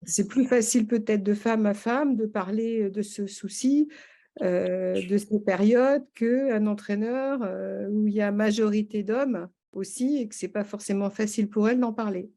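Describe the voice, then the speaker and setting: A woman hosting a webinar discussion, speaking in a measured way with some fillers. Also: mid-range voice, warm tone.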